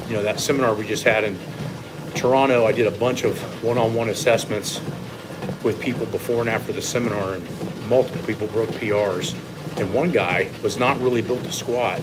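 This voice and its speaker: A man with a fairly low voice gives casual, conversational fitness coaching as he walks on a treadmill. He answers viewers in a measured way and offers his own opinions. Clear, steady machine noise runs behind his voice. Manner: talking while walking on an incline treadmill. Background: treadmill running noise.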